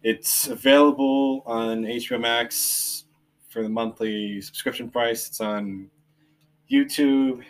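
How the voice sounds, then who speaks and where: A man co-hosting a relaxed podcast in casual chat. He talks in an easygoing way. He pauses often with "um" between thoughts. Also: medium pitch. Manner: easygoing, many "um" pauses, recommends and plugs. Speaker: podcast co-host.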